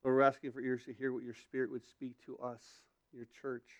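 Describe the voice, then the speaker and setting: A man's voice: mid-range voice, completely flat delivery, brisk, highs cut off. A male pastor at a pulpit microphone, teaching a sermon and posing rhetorical questions to his congregation. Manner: asks rhetorical questions, then answers them.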